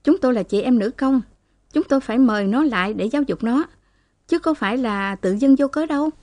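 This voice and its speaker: A woman's voice: a little high, lively intonation, brisk, darkish tone, no room sound, voice pushed up, natural voice. A woman voicing a resentful middle-aged office woman justifying herself. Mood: indignant. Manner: resentful, pointed.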